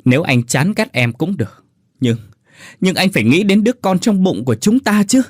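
Man voicing a desperate pregnant wife, tearful, pleading, high, lively. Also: normal speed, breathy edge, dry recording, studio quality, heavily acted.

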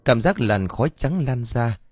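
A man narrating an audio story in a steady, even storytelling manner. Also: mid-range voice, normal speed. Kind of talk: scripted narration.

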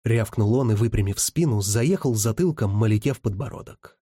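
A male audiobook narrator with a low, husky voice, reading in an even, measured manner. The sound is dry and close. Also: no echo. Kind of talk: scripted narration.

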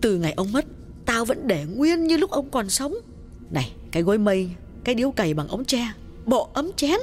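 A woman voicing a frightened older village woman in an audiobook, speaking in a trembling, hushed and urgent way. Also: a little high, big pitch swings, moderate pace, soft background music. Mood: insistent. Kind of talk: audiobook dialogue reading.

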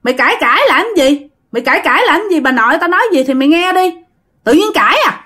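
A woman's voice: mid-range voice, animated, normal speed, close to an everyday voice. A woman voicing a bossy boy who scolds and directs his friends. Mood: scolding. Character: bossy boy, leader of the group.

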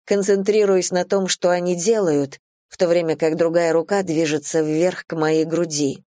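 A woman narrating a first-person romance audiobook in an even, intimate, low-key reading. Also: moderate pace, no room sound, studio quality.

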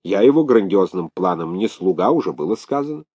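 A man's voice: deep voice, very animated, a little fast, mellow, no echo. Man voicing a weary, plaintive old governor. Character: weary older male governor, put-upon and plaintive.

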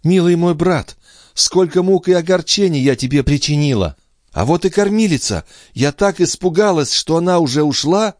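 A man's voice: a little high, lively intonation, moderate pace, dry recording, studio quality, voice pushed up, natural voice. Man playing anguished young mother Andrea. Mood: anxious. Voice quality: raised pleading voice.

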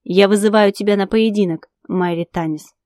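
A woman's voice: mid-range voice, steady tone, normal speed, dark tone, dry recording, studio quality, close to an everyday voice. A woman voicing a cold, commanding male ruler. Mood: challenging.

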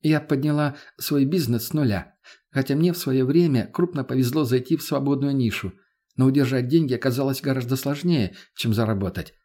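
A man's voice: medium pitch, brisk, dark tone, lightly acted. A man doing a sly businesswoman of thirty. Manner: knowing, persuasive.

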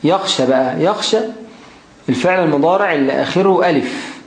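A man with an Egyptian Arabic accent explaining a grammar text. He reads it out slowly, then keeps asking rhetorical questions as he goes. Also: on the high side. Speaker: grammar teacher. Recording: roomy echo, faint background noise.

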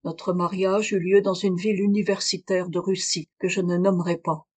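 A woman's voice: on the low side, flat delivery, moderate pace, a little mellow, slightly rough. A woman reading aloud, voicing a dignified foreign woman who speaks in a firm, earnest way with a foreign accent. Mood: scornful. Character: proud exiled woman, dignified, confessing a crime.

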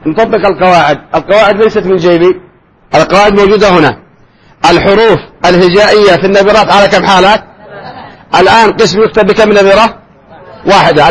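A man teaching a spelling class, firing quick questions at his students and calling on them to answer. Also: high voice, rough recording. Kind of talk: classroom lesson.

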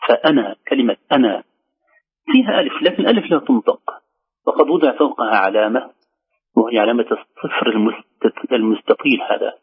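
Male tajweed teacher, slow careful demonstrations, husky voice, tinny phone line. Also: mid-range voice, animated. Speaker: Quran recitation teacher. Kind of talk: tajweed instruction on a radio call-in show. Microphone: telephone.

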